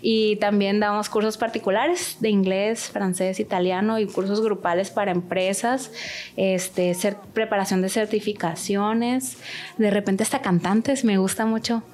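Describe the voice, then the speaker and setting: A woman's voice: medium pitch, fairly even intonation, measured pace, darkish tone. Mexican lady from sinaloa, talks a lot, explains stuff with lots of este and pues, laid-back interview chat. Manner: chatty, explanatory, with many fillers like este and pues. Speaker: guest, certified translator and language school director.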